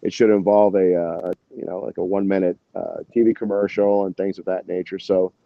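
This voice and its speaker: Sitting low in pitch, this American musician's voice is flat, creaky, and fairly quick. As a guest in a casual interview, he rambles informally with lots of "you know" and "man," and the lo-fi audio has no echo.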